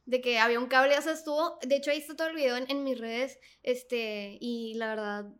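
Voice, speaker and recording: A young woman telling a story as an interview guest, animated, laughing often and full of fillers. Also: high-pitched, brisk, smooth. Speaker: guest singer. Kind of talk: casual storytelling.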